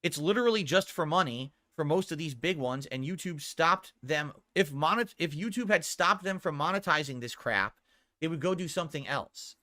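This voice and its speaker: A man's voice: on the high side, expressive, normal speed, sharp tone, no room sound, clean studio sound. A man giving commentary that sounds read aloud.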